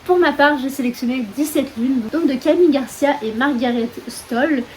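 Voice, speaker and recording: A young woman with a French accent, a book vlogger, chats casually about books in a room at home while a storm rages past the open windows. Her voice sits high and moves at normal speed, full of fillers and self-mocking asides. Faint wind and rain can be heard in the recording.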